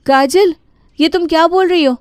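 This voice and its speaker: A woman's voice: mid-range voice, moderate pace, a little mellow, dry recording, pitched above the performer's own voice, natural voice. Woman voicing a patient young daughter-in-law. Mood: upset. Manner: pleading, then firm and resolved.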